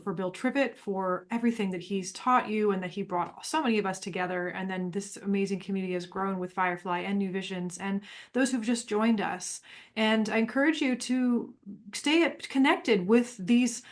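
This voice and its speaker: A woman's voice: medium pitch, normal speed. A woman hosting an online community forum who talks earnestly and rambles, with fillers. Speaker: host.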